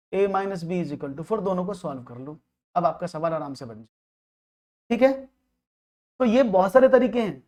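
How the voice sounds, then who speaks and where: A man's high, darkish voice leads this online maths lecture for exam preparation. Working each problem out in steps, he mixes English phrases into his explanation and repeatedly checks that students are keeping up.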